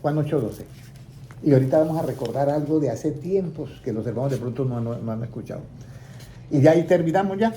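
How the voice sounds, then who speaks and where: A man's voice: medium pitch, animated, brisk, dark tone, slight background noise. A man leading a Bible lesson for a small indoor group, asking questions and leaving his sentences open for listeners to complete. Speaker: Bible teacher.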